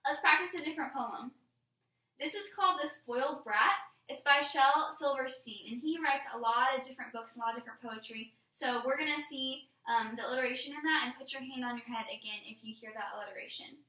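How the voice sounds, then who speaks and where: A woman's voice: sits high, a little fast, sharp tone. A woman teacher leading a classroom lesson, explaining patiently step by step. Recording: roomy classroom, mic far off.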